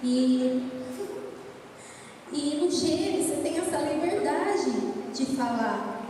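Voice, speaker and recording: A woman's voice: high voice, lively intonation, slow pace, warm tone. A Brazilian woman giving an informal youth sermon, conversational and checking in with listeners, with a slightly tongue-tied speech impediment. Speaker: church preacher. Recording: very echoey hall, distant mic, faint noise.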